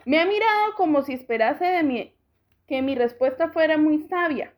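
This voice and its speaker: A woman reading a children's story aloud, slowly and expressively. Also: sits high, lively intonation. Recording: dull lo-fi recording.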